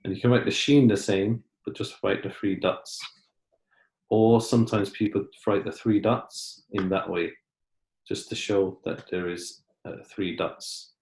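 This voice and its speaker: A man's voice: on the low side, a little mellow, echoey room. A man teaching an Arabic lesson, patiently explaining in English and Arabic. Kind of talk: online language lesson.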